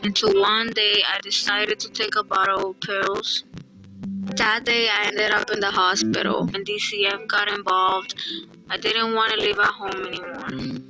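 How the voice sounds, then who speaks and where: A young woman from El Salvador telling her own story as a young mother in a quiet, earnest narrated digital story. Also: mid-range voice, level tone, measured pace, rough recording. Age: young adult. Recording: played-back video with guitar music.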